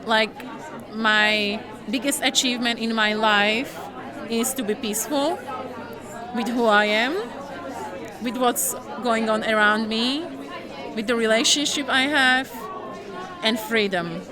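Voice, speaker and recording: A woman's voice: fairly high pitch, slow pace, long pauses. A woman from Slovakia with a Slovak accent, talking casually as an interview guest. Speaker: podcaster being interviewed as guest. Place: busy wellbeing festival venue. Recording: loud festival crowd hubbub. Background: crowd chatter.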